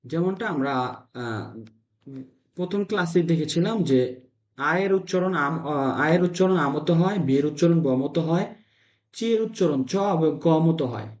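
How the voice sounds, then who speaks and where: A man teaching Italian letter sounds to a class, drilling syllables in slow repeated chants. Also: a little high. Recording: echoey room, dull lo-fi sound.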